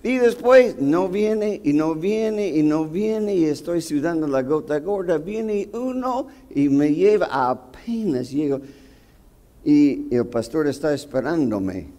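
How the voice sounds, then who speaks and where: A man pastor preaching a sermon, telling a personal story with acted quotes and sudden loud bursts. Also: a little high, lively intonation, slow.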